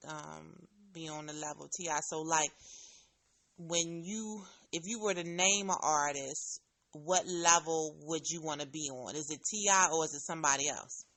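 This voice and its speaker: A woman's voice: sits low, moderate pace, fairly bright tone. A woman hosting a casual interview, chatty and emphatic, laughing often. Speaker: interview host.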